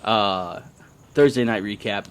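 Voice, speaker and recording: A man with a slightly low voice hosts a loose sports podcast outdoors in a backyard at night. He banters and curses freely while trying not to be too loud for the neighbours. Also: slow, clear, resonant tone. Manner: profane, joking banter; keeping somewhat quiet outdoors so as not to disturb neighbours. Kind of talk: casual podcast chat.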